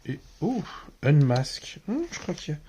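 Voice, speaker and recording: A man's voice: fairly high pitch, very animated, a little slow, warm tone, slight background noise. A man with a French accent casually commenting while opening card packs, mumbling card names aloud as he goes. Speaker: card collector opening boosters.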